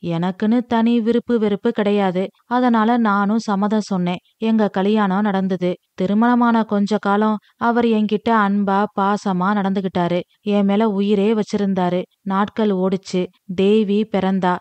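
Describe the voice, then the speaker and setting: A woman reading a storybook, voicing a grieving, humble middle-aged mother who speaks in a soft, sorrowful tone. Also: medium pitch, steady tone, measured pace, no room sound, highs cut off, lightly acted. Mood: rueful.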